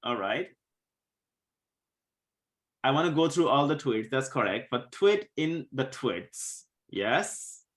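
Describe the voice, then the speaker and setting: A man teaching a live coding class, patiently walking students through code step by step, a bit hoarse as he loses his voice. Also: mid-range voice, lively intonation, takes it slowly, pauses often. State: losing his voice, coughing. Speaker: coding instructor.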